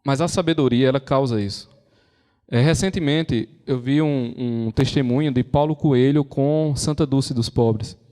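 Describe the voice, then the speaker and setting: A man's voice: mid-range voice, moderate pace, mellow. A man with a Brazilian Portuguese accent giving a lecture, telling stories conversationally and acting out the quotes. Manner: conversational storyteller, acts out quotes. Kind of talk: lecture on intellectual and moral formation. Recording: long hall reverb.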